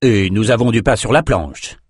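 Un homme qui joue un général expéditif. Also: male voice, fairly low pitch, normal speed, husky, no echo, clean studio sound. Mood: brisk. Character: brisk general taking back command.

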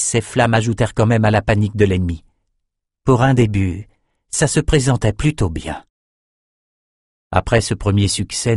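Low-voiced male audiobook narrator. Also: no echo, clean studio sound. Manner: steady, measured storytelling. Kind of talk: scripted fantasy narration.

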